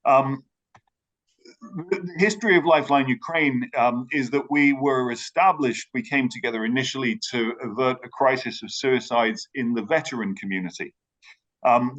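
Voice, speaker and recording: A man's voice: mid-range voice, moderate pace, fairly bright tone, muffled recording. A man from Ireland with a British accent, giving a remote conference talk, hesitant with many fillers and restarts. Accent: British English. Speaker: conference speaker. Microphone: video call.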